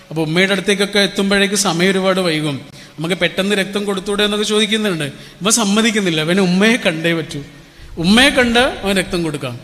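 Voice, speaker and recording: A man's voice: high voice, fairly bright tone, in a large hall. A middle-aged man with a Malayali accent giving a motivational speech, telling stories and asking rhetorical questions. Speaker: public speaker.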